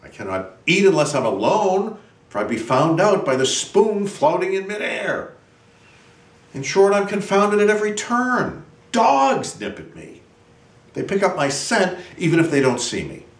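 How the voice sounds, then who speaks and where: A man performing a theatrical monologue as a desperate, exhausted scientist turned invisible, imperious and brooding, with dramatic pauses. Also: fairly high pitch, very animated. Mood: confiding, aggrieved. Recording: roomy, distant microphone.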